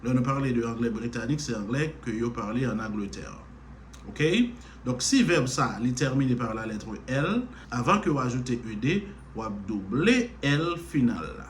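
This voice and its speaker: A man's voice: medium pitch, expressive, normal speed, a little hiss or hum. A Haitian man teaching English grammar in a patient lesson style, repeating words to stress their syllables. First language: Haitian Creole. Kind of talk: slow explanatory lesson.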